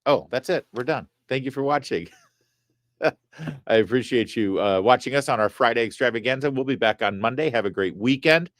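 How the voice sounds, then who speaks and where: A talk show host with a mid-range voice at normal speed reads viewer super chats on a casual live stream, adding wry, chatty asides. He's on a studio set, and there's no room sound.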